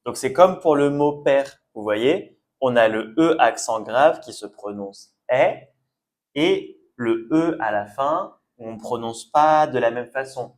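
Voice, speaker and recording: Male language teacher, patient and repetitive, unhurried delivery, mid-pitched voice. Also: expressive. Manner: patient, repeats and checks understanding. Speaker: French teacher. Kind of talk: language lesson video.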